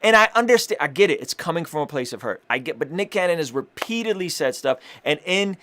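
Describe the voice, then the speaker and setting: A man's voice: a little high, expressive, quick pace, fairly bright tone. A young man giving impassioned commentary to his audience, restarting phrases and using casual slang like "fam" and "bro". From Armenian family. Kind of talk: direct-to-camera commentary.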